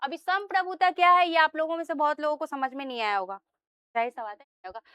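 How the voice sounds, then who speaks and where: A woman teacher lectures her class step by step, often checking in with the students and posing questions she then answers herself. She talks fast in a high, pushed, bright voice, with no room sound.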